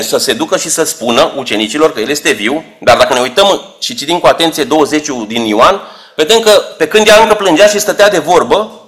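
Guy preaching, kinda high voice, thoughtful, lots of rhetorical questions. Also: fairly bright tone. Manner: reflective, rhetorical questions, dynamic emphasis. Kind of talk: sermon.

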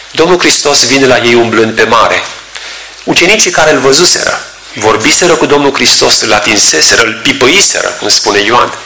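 A man preaching a sermon, reading scripture and explaining it with measured, emphatic delivery and drawn-out words. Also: mid-range voice, sharp tone, slight background noise. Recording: echoey room.

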